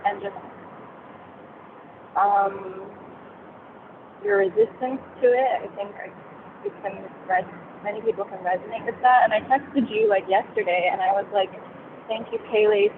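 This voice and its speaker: A woman on a phone call from her moving car, sharing casually with a group and rambling with many fillers and restarts. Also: mid-range voice. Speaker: participant in a women's discussion call. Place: driving in a car. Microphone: headphones on a call. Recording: tinny phone line with car noise.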